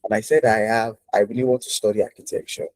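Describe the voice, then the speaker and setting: A man's voice: fairly low pitch, level tone, fast talker, darkish tone, dry recording, poor audio. A man hosting a casual interview over a video call, chatty and repeating himself with many fillers. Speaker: host.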